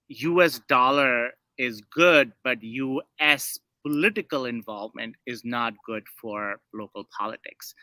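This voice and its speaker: A man from Saudi Arabia, a guest in an interview, answering in a measured way with frequent hesitations and fillers. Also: medium pitch, pushed and bright, no room sound.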